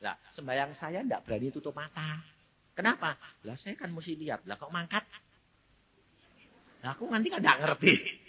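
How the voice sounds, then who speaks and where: A man's voice: a little high, sing-song, moderate pace, long pauses, breathy edge. A man in his eighties with a Javanese accent, preaching a storytelling sermon and acting out the voices in his stories. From Central Java, Indonesia. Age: 80s. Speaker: evangelist preacher. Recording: dull lo-fi sermon recording.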